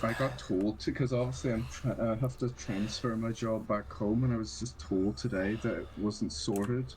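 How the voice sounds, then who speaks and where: A man's voice: fairly low pitch, fairly even intonation, normal speed, background noise. A young man from Ireland, a student, chatting casually and hesitantly, often trailing off. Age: young adult. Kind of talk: casual chat.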